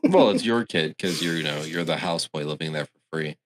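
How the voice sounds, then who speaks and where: A man's voice: a bass voice, fairly quick, a little hiss or hum. A man co-hosting a podcast in casual chat, wry and laid-back, swearing now and then. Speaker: podcast co-host.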